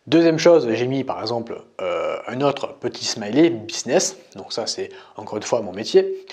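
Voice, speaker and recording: A man's voice: medium pitch, sing-song, moderate pace, a little mellow. Casual young French man teaching. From France. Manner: casual, addresses listener as tu, frequent "tu vois" and "euh". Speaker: dating coach. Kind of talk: screen-recorded tutorial.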